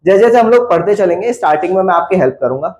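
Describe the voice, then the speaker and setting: Male chemistry teacher, blunt and scolding, slightly high voice, echoey classroom. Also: animated, racing, darkish tone, a little hiss or hum. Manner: blunt, scolding, addresses students casually. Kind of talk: classroom lecture. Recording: echoey room.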